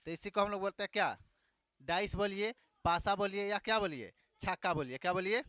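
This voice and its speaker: A man's voice: sits high, fairly quick, pushed and bright, dry recording, clean studio sound. A man teaching a classroom math lesson, asking questions and repeating each answer back. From Bihar, India.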